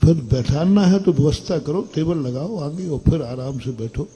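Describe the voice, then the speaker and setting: Older guy monk preaching, scolds the crowd, husky voice, birds chirping faintly behind. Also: fairly high pitch, moderate pace, mellow, rough recording. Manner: blunt, scolding, asks the audience questions. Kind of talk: sermon to an audience.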